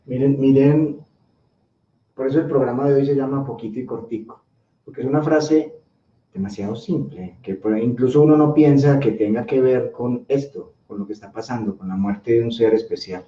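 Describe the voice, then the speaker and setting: Guy hosting a radio show, very dark mellow voice, calm and reflective, kinda far from the mic. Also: medium pitch, normal speed. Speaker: host. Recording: echoey, distant, dull sound.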